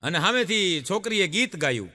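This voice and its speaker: On stage in a big-sounding room, a man tells folk jokes at a normal speed in a voice that sits high. He's a lively storyteller who acts out the voices of the characters in his stories.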